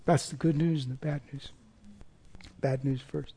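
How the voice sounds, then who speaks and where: An older lay preacher who is losing his voice speaks hoarsely at medium pitch, steady and mellow, at normal speed. After an opening prayer he gives an informal, rambling, self-deprecating sermon full of fillers and restarts.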